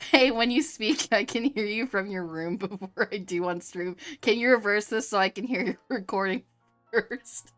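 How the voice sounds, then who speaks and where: A woman's voice: mid-range voice, normal speed, faint music behind. Laughing woman streamer chatting casually. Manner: laughs often, reads chat aloud, animated and joking.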